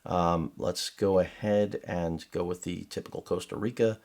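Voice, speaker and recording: A middle-aged tech reviewer sits in his home studio unboxing a laptop, chatting casually and rambling off into sarcastic digressions. His voice is low and a little mellow, with vocal fry, fairly even intonation, and a moderate pace.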